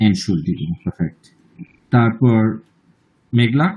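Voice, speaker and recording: A man with a Bangladeshi accent teaching an online German class, drawing out words slowly and checking in with students often. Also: lowish voice, animated, darkish tone, low-quality recording. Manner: slow, drawn-out model pronunciations, checks in often.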